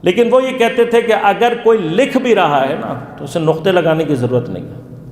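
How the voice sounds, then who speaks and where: A male religious lecturer giving an interactive lesson, asking his listeners questions and then answering them himself. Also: high voice. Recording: echoey hall.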